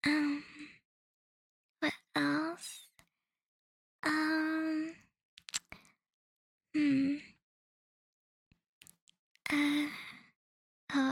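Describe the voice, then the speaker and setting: A young woman whispering softly close to the mic, rambling and apologetic, with many pauses and ums as she updates her listeners. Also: sits high, creaky, dry recording. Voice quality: soft whisper. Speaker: audio creator updating listeners.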